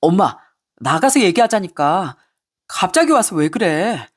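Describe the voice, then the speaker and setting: Cornered cheating husband, pleading and flustered, a lowered voice, played by a woman narrator. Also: very animated, a little slow, slightly rough, exaggerated voice.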